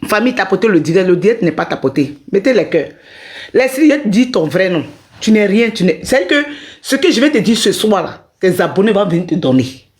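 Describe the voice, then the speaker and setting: A woman's voice: medium pitch, big pitch swings, fairly quick, a little mellow. A middle-aged woman hosting a live stream, ranting angrily at a rival and talking straight to her viewers. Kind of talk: heated live-stream rant.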